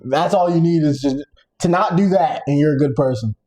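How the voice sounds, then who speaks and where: A man co-hosting a podcast in casual chat, ranting in an animated, sarcastic way. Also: a little high, brisk. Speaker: podcast co-host.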